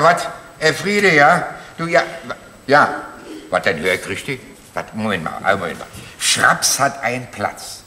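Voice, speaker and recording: An older actor playing a stubborn, meddling retired man near seventy in a stage comedy, talking in an animated, sputtering way. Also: medium pitch, a little hiss or hum. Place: theater stage. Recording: echoey theater stage with audience laughter. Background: audience laughter.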